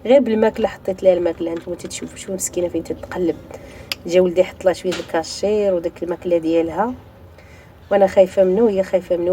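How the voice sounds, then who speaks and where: Holding a phone as she films on her home balcony, a vlogger with a Moroccan accent speaks casually and directly to her viewers. Her mid-range voice is mellow, and there's slight background noise.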